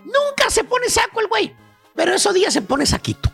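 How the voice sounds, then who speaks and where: A man voicing a squeaky male joke professor on a radio comedy segment, with a Mexican accent and a rambling, slangy lecturing manner full of "güey". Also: sing-song, a little fast, vocal fry, a bit bright, faint music behind, full character voice. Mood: storytelling. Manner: rambling, slangy, keeps saying "güey" and "fíjate nada más".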